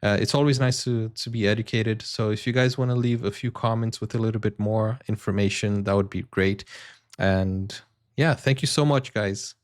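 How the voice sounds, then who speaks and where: A Brazilian man, a native Portuguese speaker with an American accent in English, hosts a reaction video with casual commentary. His voice is fairly low and fairly even, at a moderate pace. He rambles earnestly with lots of fillers and talks straight to his viewers.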